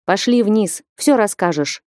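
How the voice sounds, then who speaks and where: A woman voicing a bold, strapping young northern warrior woman who speaks loudly and bluntly in an audiobook. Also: medium pitch, expressive, unhurried, dry recording, studio quality, close to an everyday voice. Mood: hearty. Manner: loud, hearty and blunt.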